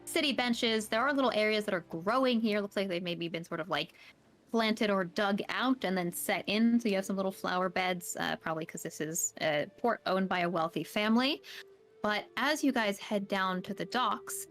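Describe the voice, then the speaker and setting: A woman's voice: mid-range voice, moderate pace, fairly bright tone. A woman narrating a tabletop horror game as game master, describing scenes at length with many fillers.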